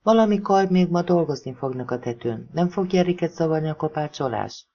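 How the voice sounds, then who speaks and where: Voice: mid-range voice, animated, highs cut off, lightly acted. A narrator voicing a kind, smiling pregnant woman with a slight foreign accent, in an audiobook reading. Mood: kindly. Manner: soft and kindly.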